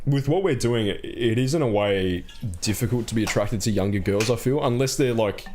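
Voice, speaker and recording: A man's voice: medium pitch, brisk, darkish tone, slight background noise. A young man in his twenties co-hosting a podcast, talking casually and thoughtfully, with lots of hesitant fillers. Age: 20s. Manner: reflective, hesitant, many fillers. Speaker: podcast co-host. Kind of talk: casual chat.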